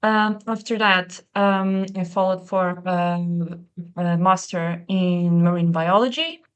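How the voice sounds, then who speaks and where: A young woman with a Portuguese accent talks through her path as a guest in a relaxed chat. Her voice sits low and sounds smooth and clear. She pauses often and fills the gaps with small hesitations. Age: young adult. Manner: thoughtful, with many pauses and fillers. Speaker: guest, PhD researcher. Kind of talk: casual conversation.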